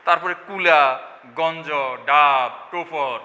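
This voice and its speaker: Bright-voiced man teaching a class. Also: on the high side, takes it slowly, big-room sound. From Bangladesh. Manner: explanatory, asks and answers his own questions. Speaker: Bengali teacher. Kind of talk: online class lecture.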